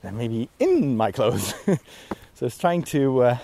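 A man's voice: medium pitch, sing-song, takes it slowly, warm tone, a little hiss or hum. A man vlogging while walking uphill through woods, tired and short of breath, talking in a rambling way with self-deprecating asides. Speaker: priest and vlogger. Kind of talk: walking vlog monologue. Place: outdoors in woods, climbing a hill.

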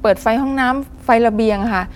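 A woman's voice: on the high side, fairly quick, a little mellow. A woman calling in to tell a personal story. She speaks politely and animatedly, often addressing the host, and acts out voices as she goes. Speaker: caller sharing a personal experience. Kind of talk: vivid spoken storytelling.

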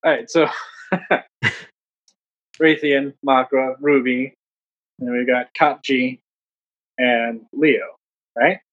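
A man's voice: medium pitch, fairly even intonation, slow, pauses often. A man playing a tabletop game, chatting casually as he role-plays, on a slightly muffled recording.

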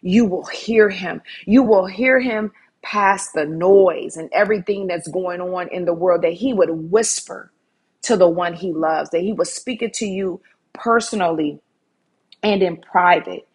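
Husky-voiced woman preaching earnestly. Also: fairly low pitch, unhurried. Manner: earnest, repeats phrases for emphasis. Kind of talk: sermon.

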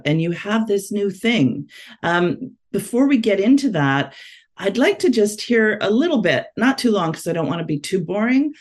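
A woman hosting a podcast interview in a casual, chatty way. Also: lowish voice. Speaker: podcast host.

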